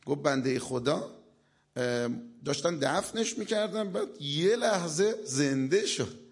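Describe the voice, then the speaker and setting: A male lecturer on stage gives a humorous religious talk and slips into the voices of the people he quotes. His voice sits a little high and has a gravelly, husky edge. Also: lively intonation. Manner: joking storyteller who acts out quoted people.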